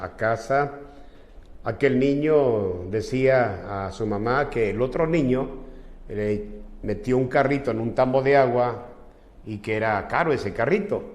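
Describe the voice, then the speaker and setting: A man's voice: mid-range voice, a little mellow. Male pastor preaching in an echoey hall. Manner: earnest, explanatory preaching with quoted dialogue. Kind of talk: sermon with personal anecdotes. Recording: echoey hall with long reverb.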